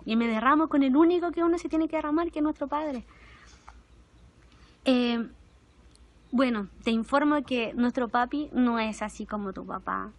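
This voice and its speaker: A young adult woman with a Chilean Spanish accent, preaching an intimate, emotional testimonial sermon that moves between soft and animated moments. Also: on the high side.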